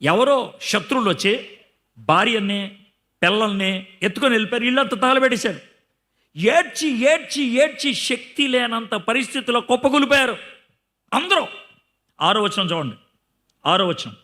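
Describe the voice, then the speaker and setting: A man's voice: very high-pitched, animated, moderate pace, pauses often, sharp tone. A man preaching a sermon, asking his listeners questions and acting out the lines of people in the story. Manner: teaching by questions to the audience, acting out quoted lines. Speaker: pastor.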